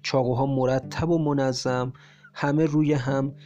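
A man reads a translated short story in a measured, steady audiobook voice of middle pitch. Soft plucked guitar runs quietly under his narration throughout. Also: dull audio. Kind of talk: scripted narration. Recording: faint guitar music bed. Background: soft guitar music.

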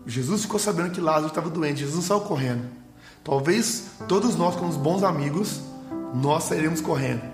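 A man preaching a sermon, animated, acting out voices of Bible characters and asking the listeners questions. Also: on the high side, fairly quick, roomy sound, music in the background.

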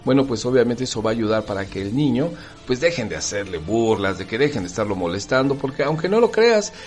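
A man's voice: medium pitch, very animated, fast talker, darkish tone, faint music behind. A man, hosting a casual talk aimed straight at the listener. He asks rhetorical questions and acts out little dialogues.

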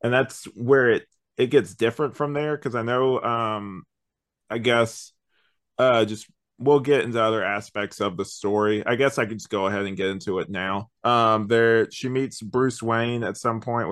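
On an online video call, a man hosting a podcast rambles conversationally through a review. His voice sits on the low side, steady and a bit bright, at a normal speed.

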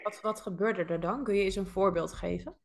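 A woman's voice: medium pitch, steady tone, fairly quick, creaky. A woman hosting a podcast, asking questions and summarizing what her guest says. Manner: attentive, summarizing the guest's points. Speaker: podcast host.

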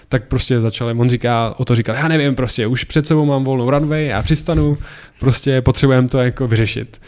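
Male guest, gravelly, animated storyteller who acts out the shouting. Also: mid-range voice. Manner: animated, acts out shouted quotes, many fillers and restarts. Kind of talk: casual storytelling.

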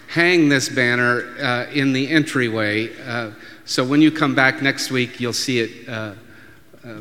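Guy reading church announcements, mid pitch, kinda halting, lots of reverb. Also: bright, forceful tone.

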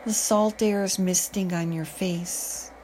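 A woman guiding a meditation, speaking in a calm, soothing way with long pauses. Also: lowish voice, a little hiss or hum, poor audio. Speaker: meditation guide. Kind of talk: guided meditation narration.

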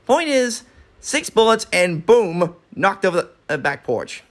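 A man co-hosting a podcast, casually recapping a horror film, animated and swearing freely. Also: high-pitched, unhurried. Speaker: podcast co-host.

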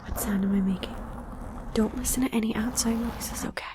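A woman whispering softly into a close microphone, coaxing and praising the listener through an ASMR guessing game. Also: a little high, steady tone, brisk, noisy background. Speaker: ASMR creator. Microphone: close sensitive microphone.

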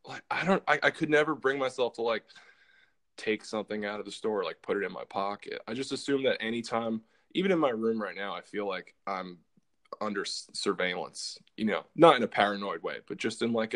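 A man's voice: lowish voice, fairly bright tone. A man hosting a casual podcast, telling a story in a rambling way with lots of fillers and restarts. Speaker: podcast host.

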